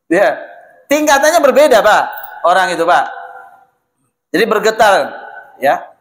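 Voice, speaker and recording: A man preaching a lively, chatty sermon in a mosque, often addressing listeners directly. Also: sits high, unhurried. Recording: echoey mosque hall.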